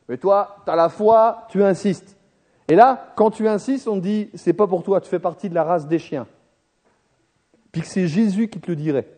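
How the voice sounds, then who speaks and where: A man preaching a sermon, talking straight to his congregation and telling the story with lively, acted-out voices. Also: high-pitched. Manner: animated storytelling, addresses the congregation directly; acts out the people in the story with shifting voices.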